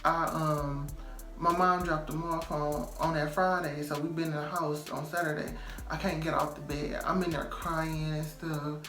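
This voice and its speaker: A man recounts his own story in a relaxed, rambling vlog manner, leaning on fillers and repeating words to drive a point home. His voice sits a little high for a man. The room echoes around him, with faint music underneath. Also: normal speed. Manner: loose, chatty, many "um" and "like" fillers; emphatic, repeats phrases for stress. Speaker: storytime vlogger. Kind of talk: casual storytelling. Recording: roomy echo, faint music behind.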